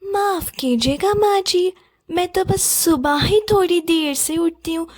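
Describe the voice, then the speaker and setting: A very high-pitched lazy young wife from a cartoon, as a woman voices her. She is cheeky and complaining, with quick excuses and a sharp tongue. She talks back, and her words come out unhurried and drawn out. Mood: sassy. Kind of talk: cartoon voice acting.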